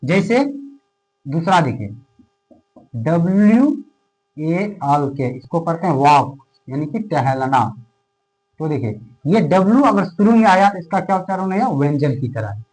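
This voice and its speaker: A man teaching a classroom lesson in speech who asks questions and answers them himself, repeating key terms and drawing words out slowly as he writes. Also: fairly high pitch, very animated, darkish tone, rough recording. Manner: stretches words out slowly while writing.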